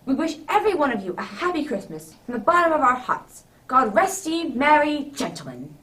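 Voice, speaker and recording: A woman's voice: sits high, big pitch swings, a little fast, a bit bright, distant mic, low-quality recording. A woman playing a genial, contented old male doctor telling stories by the fireside in a radio drama. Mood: warm, festive.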